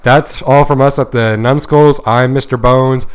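A man's voice: mid-range voice, fairly even intonation, a little slow. A man hosting a podcast, telling a game story in a rambling, joking way and swearing casually. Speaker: podcast host.

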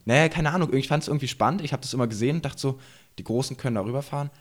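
A man's voice: mid-range voice, very fast. A man in his twenties from eastern Germany, a podcast guest chatting casually, rambling, laughing often and using slang. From Saxony-Anhalt, Germany. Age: 20s. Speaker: podcast guest, enduro rider. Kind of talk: casual chat.

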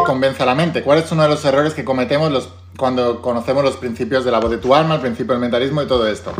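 A man with a Spain Spanish accent, a self-help teacher speaking directly to viewers in an emphatic way and repeating key phrases. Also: on the high side.

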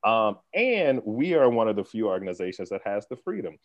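A man speaking as a podcast guest, an animated storyteller who laughs often and talks in quick bursts. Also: fairly low pitch, no room sound. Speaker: guest, theater organization leader. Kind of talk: conversational podcast interview. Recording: dull lo-fi sound, dry.

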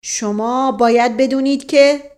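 Woman reading a sly joking nobleman, raised pitch, loud, mock-formal, storybook. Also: close to an everyday voice. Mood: insistent. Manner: teasing, mock-formal, with a foreign word as a catchphrase. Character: witty, mischievous middle-aged nobleman.

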